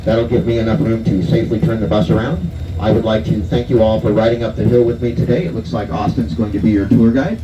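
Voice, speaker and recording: A man's voice: fairly low pitch, steady tone, fast. A man driving a tour bus and giving rehearsed sightseeing commentary to passengers. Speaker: tour bus driver and guide. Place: tour bus on a hill road. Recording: echoey, distant, muffled, noisy vehicle sound.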